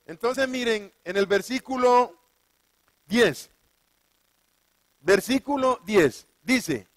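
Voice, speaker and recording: A man's voice: very high voice, lively intonation, takes it slowly, no echo. A male preacher reading scripture aloud and explaining it, constantly asking his listeners questions, answering them himself and repeating key phrases for emphasis.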